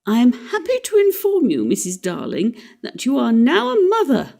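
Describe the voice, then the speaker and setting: A woman's voice: huge pitch swings, normal speed, gravelly, a little mellow, exaggerated voice. A woman voicing a small boy who plays at being a formal grown-up father. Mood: mock-formal. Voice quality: mock-formal, high.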